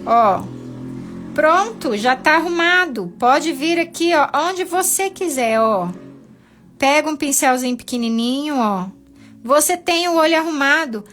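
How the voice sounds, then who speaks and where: A woman's voice: sits high, fairly bright tone. A woman teaching a live painting class, patient and encouraging, walking her students through each step.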